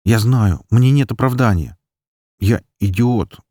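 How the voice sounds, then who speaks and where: Male reader doing a remorseful young gambler, begging, raised pitch, husky. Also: slow, dark tone, dry recording, clean studio sound. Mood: pleading, nervous. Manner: begging, nervous. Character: pleading, nervous young man, remorseful gambler. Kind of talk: audiobook dialogue.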